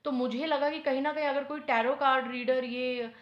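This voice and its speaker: A woman with a somewhat high voice reads tarot piles in a casual, earnest, pleading way, slipping English phrases into her speech. The sound is roomy and echoey, and the recording is dull and lo-fi. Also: fairly even intonation, moderate pace, slight background noise. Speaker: tarot reader. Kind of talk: casual tarot pile reading.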